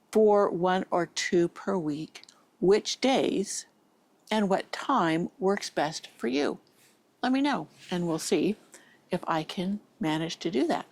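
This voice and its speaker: Fairly low-pitched with a darkish tone, this woman's voice comes through with no room sound. She's a gardening vlogger whose braces give her S sounds a slurred lisp, and she talks informally to viewers, thinking aloud and occasionally reading out plant details.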